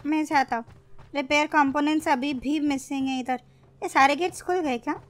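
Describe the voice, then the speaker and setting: A woman's voice: high voice, fairly even intonation, brisk. A woman giving frantic commentary while playing a zombie shooter, exasperated, swearing often and pleading with her teammates. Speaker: mobile game streamer.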